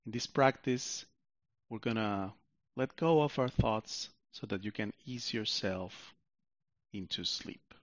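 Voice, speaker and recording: Guiding listeners toward sleep, a man tells a gentle, unhurried story with long silences. He has a lowish voice, captured on a muffled recording without any echo.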